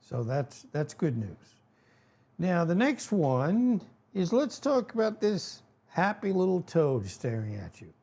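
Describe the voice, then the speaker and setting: A channel host in his seventies from New England, with a Rhode Island accent, casually explains animal myths to camera in a folksy, rambling educational talk full of fillers and self-corrections. His voice is a little high, sing-song, slow, gravelly and mellow.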